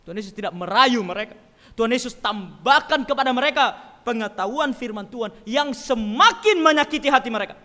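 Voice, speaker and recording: High bright-voiced emphatic preacher. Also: male voice, expressive, a little fast, long reverb tail. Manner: emphatic, swings from loud stresses to quiet asides. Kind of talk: sermon. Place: church.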